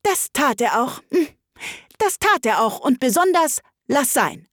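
A woman voicing an impatient, bossy male griffin in a storybook reading, talking loudly and brusquely. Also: high-pitched, big pitch swings, unhurried, no room sound, clean studio sound, pitched above the performer's own voice, full character voice. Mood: boastful. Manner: loud, brusque and scolding.

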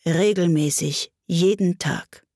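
A woman's voice: lowish voice, darkish tone, slightly rough, dry recording, clean studio sound, full character voice. A woman doing a sighing, mournful mock turtle. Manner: slow, sighing and plaintive.

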